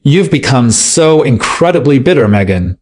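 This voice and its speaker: A man's voice: mid-range voice, big pitch swings, moderate pace, a little mellow. A weary conflicted husband, read by a man. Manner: tired, curt.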